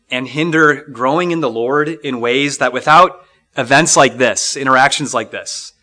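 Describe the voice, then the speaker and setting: Middle-aged guy from minnesota teaching a bible class, bright forceful voice, earnest, lots of ums and restarts. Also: medium pitch. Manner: earnest, reflective, with frequent fillers and restarts. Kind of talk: Bible lesson.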